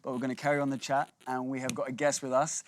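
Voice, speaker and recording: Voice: mid-range voice, flat delivery, quick pace. Upbeat show host, light background noise. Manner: upbeat, chatty. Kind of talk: casual show hosting.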